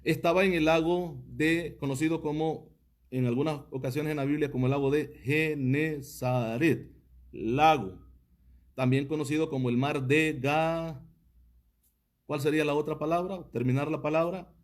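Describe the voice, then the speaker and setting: A man's voice: fairly high pitch, fairly even intonation, normal speed. A man, a pastor giving a livestreamed teaching sermon, reading viewer comments and asking his audience one rhetorical question after another.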